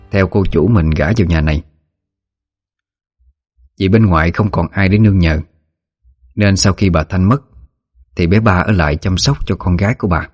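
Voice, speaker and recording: A man narrating a ghost story in a steady, measured way. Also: deep voice, dry recording, studio quality. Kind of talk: scripted horror story narration.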